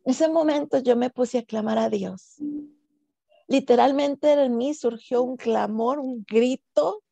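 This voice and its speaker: A woman telling her personal testimony of faith in a halting way, with repeated words and fillers. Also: high voice, vocal fry, warm tone, no room sound, lo-fi sound. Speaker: guest giving a faith testimony.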